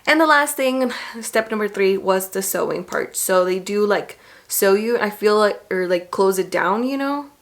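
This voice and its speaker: A woman's voice: mid-range voice, moderate pace. Chatty young woman telling a personal story. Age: young adult. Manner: chatty, informal, animated retelling with quoted asides. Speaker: vlogger. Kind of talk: casual storytelling to camera.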